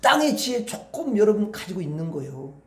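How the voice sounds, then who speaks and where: A male pastor preaching a sermon in an animated, folksy, rambling way, often addressing the congregation directly. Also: high voice, a little fast. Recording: echoey hall.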